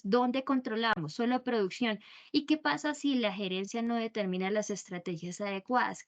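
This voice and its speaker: A woman's voice: medium pitch, a bit bright, highs cut off. A woman teaching an online class, explaining at length and asking her students rhetorical questions. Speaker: cost accounting teacher.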